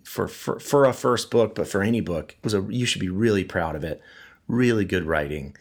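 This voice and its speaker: A middle-aged man with a wheezy voice and a head cold, chatting casually as a podcast host and breaking off his own sentences as he tells stories. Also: low voice. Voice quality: wheezy, congested voice. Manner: chatty, self-interrupting, storytelling. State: sick with a cold.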